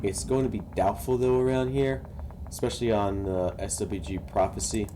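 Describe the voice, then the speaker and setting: A man casually narrating a game walkthrough, explaining each step to viewers in a relaxed, instructive way. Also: on the low side, normal speed, noisy background. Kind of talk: casual gameplay tutorial narration.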